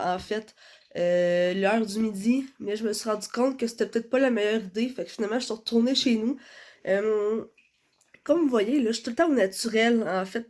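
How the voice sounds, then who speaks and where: A young woman with a Quebec French accent, stuffed up from a cold, vlogs casually into her phone camera, chatty and rambling with many fillers. Her voice is mid-range and a little mellow.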